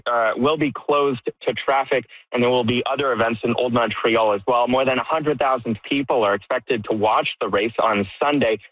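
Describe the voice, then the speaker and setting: A man's voice: mid-range voice, dry recording. A man giving a live radio news report from a street, talking steadily in short listed phrases over a tinny, phone-like line. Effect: tinny phone-line sound. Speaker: field reporter. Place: outdoor street setup site.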